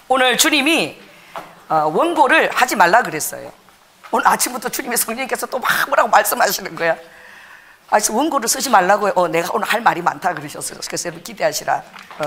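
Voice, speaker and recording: Woman pastor preaching in church, animated storytelling, bit of hiss behind. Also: fairly low pitch. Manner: animated storytelling, acts out dialogue. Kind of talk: sermon. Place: church sanctuary.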